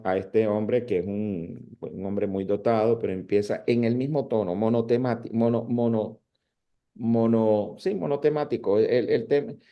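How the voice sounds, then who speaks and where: A man teaching a university class on preaching, talking in an animated, conversational way with frequent restarts and mock impressions. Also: fairly low pitch, muffled recording. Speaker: preaching professor.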